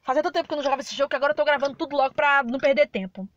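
A woman's voice: sits high, fairly even intonation, very fast, no echo, muffled recording. A woman hosting a casual gameplay video, chatting and reacting aloud as she plays. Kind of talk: casual let's-play commentary.

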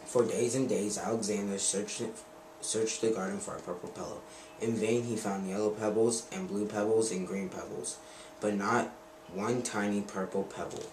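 Brief: man reading a children's picture book aloud, earnest and stumbling a little; lowish voice, distant and roomy camcorder sound. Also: steady tone, moderate pace. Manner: earnest read-aloud with slips and self-corrections. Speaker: reader. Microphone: handheld camcorder mic. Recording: roomy, distant camera mic, faint noise.

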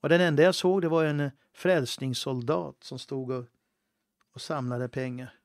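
A male pastor preaching a livestream sermon, swinging between loud fervent appeals and hushed, halting asides. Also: mid-range voice, steady tone, dry recording, clean studio sound. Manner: halting, with restarts and fillers.

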